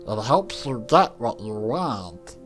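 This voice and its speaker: Man putting on a small straw creature, raspy whisper, storybook, timid and childlike, very slow. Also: medium pitch, very animated, a bit bright, soft background music, voice pushed down. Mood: shy. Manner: halting, very slow words. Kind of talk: storybook narration.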